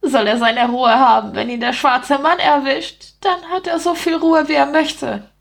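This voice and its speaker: A woman voicing a cheeky, gossiping male street rat in an audiobook reading, in a high, mocking voice. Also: steady tone, a little slow, creaky. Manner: indignant, mocking, high squeaky voice.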